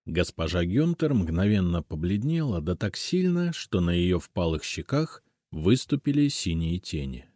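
Expressive male audiobook narrator. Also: deep voice, unhurried, hardly any pauses, no echo, studio quality. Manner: expressive, first-person storytelling. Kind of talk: scripted narration.

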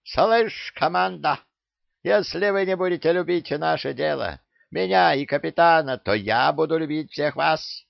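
A man voicing a cheeky, boastful male parrot who bullies the crew, with a shrill, cocky, bossy manner. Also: lively intonation, unhurried, gravelly, no echo, lo-fi sound. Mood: bossy shouting.

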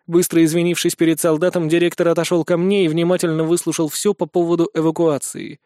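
High-voiced man narrating an audiobook. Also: little pitch movement, fast, mellow, no room sound, studio quality. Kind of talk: scripted first-person audiobook narration.

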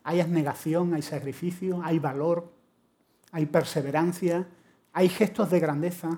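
Man, Spanish accent from Spain, middle-aged, preacher, animated storytelling sermon, humorous. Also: fairly high pitch, a little slow.

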